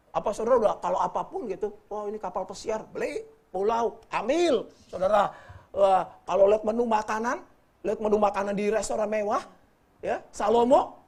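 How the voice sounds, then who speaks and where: A man preaching in a casual Bible teaching style, joking and often addressing his listeners directly. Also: very high voice. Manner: lively, jokey, often addresses listeners as brothers.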